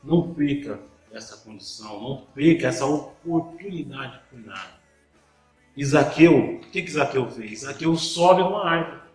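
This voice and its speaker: A man's voice: mid-range voice, animated, a little slow, darkish tone, echoey room, faint music behind, low-quality recording. A man preaching a sermon, asking the listeners rhetorical questions and often repeating words as he restarts a thought.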